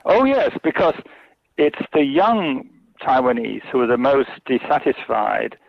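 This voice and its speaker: This China specialist, a guest commentator, has a creaky mid-range voice with big pitch swings and an unhurried delivery. The dry recording comes over a tinny phone line, and his answers are hesitant, packed with fillers and restarts.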